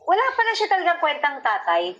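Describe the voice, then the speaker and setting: A woman's voice: high voice, huge pitch swings, brisk, fairly bright tone, muffled recording, slight background noise. A woman hosting an interview, asking probing questions and reacting to the answers. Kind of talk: conversational interview.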